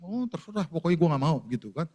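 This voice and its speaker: An older man, a pastor, telling a personal story, acting out conversations with animated delivery. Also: fairly high pitch, fast talker. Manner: animated storytelling, acting out phone and chat exchanges.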